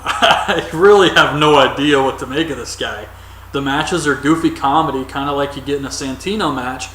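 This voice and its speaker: A man's voice: a little high, a bit bright, reverberant, distant mic, a little hiss or hum, rough recording. A man giving casual, opinionated solo commentary as a wrestling reviewer, rambling with frequent ums.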